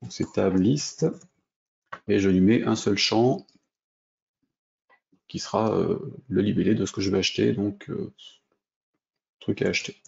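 A French man with a low, gravelly, dark voice walks through a coding tutorial, thinking aloud with frequent hesitations and restarts. The audio is dull and lo-fi, with mouse clicks behind him. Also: unhurried, pauses often. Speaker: programming instructor. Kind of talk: screen-recorded coding tutorial.

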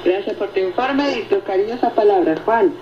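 Reading listener reports and responding in a relaxed presenting style, this female radio host has an animated, mid-range voice at normal speed. Everything comes over shortwave, muffled and echoey and swamped by loud static.

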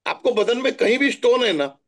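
A middle-aged man from Maharashtra telling stories in a chatty, animated way during a spiritual talk. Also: extremely high pitch, fairly quick. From Maharashtra, India. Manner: chatty, animated storytelling with asides. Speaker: spiritual guest answering questions.

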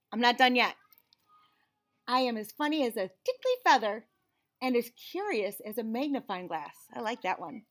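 An American read-aloud host and teacher in her forties speaks in a fairly high, fairly bright voice. She expressively reads a picture book to young children, with friendly teaching asides along the way, in a small indoor space with shelves and cabinets.

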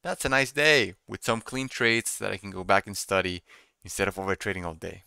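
A young man doing casual live trading commentary, thinking out loud and repeating his phrases as he muses. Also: on the low side, steady tone, brisk, vocal fry, smooth, no echo, clean studio sound. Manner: repeats phrases while musing to himself. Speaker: day trader streaming live. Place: small room indoors at a computer desk.

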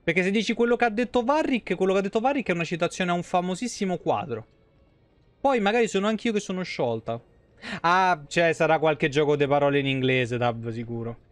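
Brisk and animated, this man's high voice carries his live game commentary as he talks loosely with his audience, cursing freely. He streams from a small home room with no echo.

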